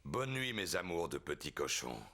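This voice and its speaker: A man's voice: sits low, very animated, normal speed, background noise. A man voicing a jolly, middle-aged father pig in a French cartoon dub, hearty and exclamatory. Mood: tender.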